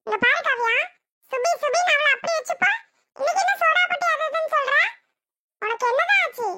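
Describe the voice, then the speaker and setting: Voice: extremely high pitch, animated, a little fast, bright, forceful tone, no room sound, exaggerated voice. A voice actor playing a young husband in a cartoon, speaking with a Tirunelveli Tamil accent, exasperated with his wife and pleading with his aunt. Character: young husband, defiant then tearful. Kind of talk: cartoon voice acting.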